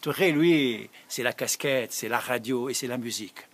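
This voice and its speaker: A man telling a comic story on stage, lively and playfully conspiratorial. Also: medium pitch, moderate pace.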